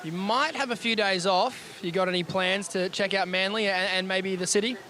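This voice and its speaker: A man's voice: high-pitched, steady tone, normal speed, pushed and bright. A man interviewing an athlete outdoors at a beach in an upbeat sports style. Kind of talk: upbeat post-heat interview.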